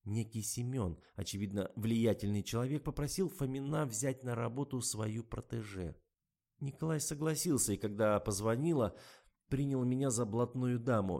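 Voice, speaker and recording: A man reading a novel aloud in an even, ironic narration. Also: lowish voice. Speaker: audiobook reader. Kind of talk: scripted narration.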